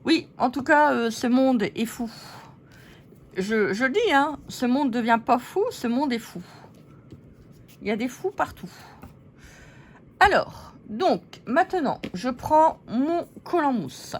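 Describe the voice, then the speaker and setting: A woman's voice: high-pitched, lively intonation, slow pace, long pauses, slight background noise. A woman hosting a casual scrapbooking tutorial, chatty and giggly, poking fun at herself as she works. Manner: chatty, giggly, self-mocking.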